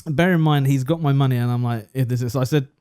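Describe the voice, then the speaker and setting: A man's voice: mid-range voice, quick pace, a little mellow, clean tone, no echo, clean studio sound. A young English man casually telling a story on a podcast and acting out both sides of the conversation. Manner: chatty, self-deprecating, acts out both sides of a conversation. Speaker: podcast co-host.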